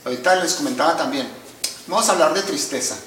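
Explaining emotions in a guest conversation, this middle-aged psychotherapist keeps a calm, measured, teacherly manner and often turns to address listeners. The recording, from a distant mic in an echoey room, carries his slightly high voice along with a faint hiss or hum.

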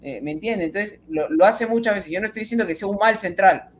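A man's voice: high voice, fairly quick, slight background noise. A man giving long, rambling football analysis on a casual stream. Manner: rambling, repeats himself while arguing his point. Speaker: football pundit.

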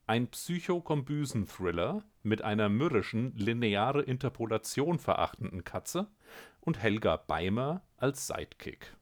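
A male storyteller with a fairly low voice reads his own short story aloud. His delivery is wry and relaxed, with an easygoing narrating manner.

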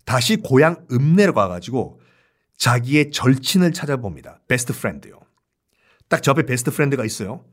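A man telling a history story in a playful, animated way, with laughing asides. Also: mid-range voice, a little fast. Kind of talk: lively storytelling lecture.

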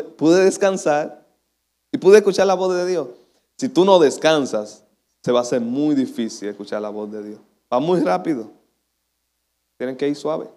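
Chatty pastor preaching. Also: male voice, fairly high pitch. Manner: chatty, self-deprecating, laughs often. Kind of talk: sermon.

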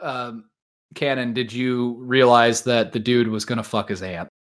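In a relaxed podcast conversation, the male host teases, curses openly and leans heavily on slang such as "dude." He has a mid-range, steady voice and a measured pace.

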